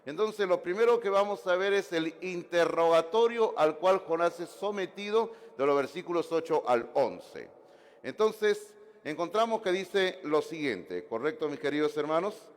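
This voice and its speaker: A man preaching a sermon as pastor, animated, with asides and jokes to the congregation. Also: a little high, big-room sound. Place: church sanctuary.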